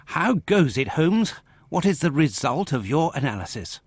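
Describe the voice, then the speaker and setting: A proper english doctor sidekick guy, husky, super animated, excitable, game cutscene. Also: a little high, moderate pace, dry recording. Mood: questioning, exasperated. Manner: formal, expressive. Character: Doctor Watson, earnest excitable English gentleman physician sidekick. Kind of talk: video game cutscene acting.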